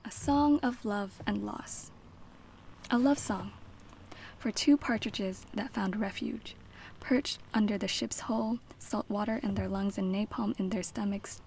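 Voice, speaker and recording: A twenty-year-old woman from the United States performing spoken word poetry with a rhythmic, dramatic delivery and repeated refrains, often breathy and half-whispered. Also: mid-range voice, unhurried, a little mellow, slight background noise, low-quality recording. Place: banquet event.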